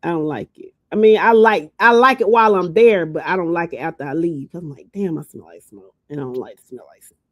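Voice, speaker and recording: A woman's voice: on the low side, quick pace, no echo, lo-fi sound. A woman from Georgia co-hosting a podcast in casual chat, teasing and laughing often. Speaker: podcast co-host.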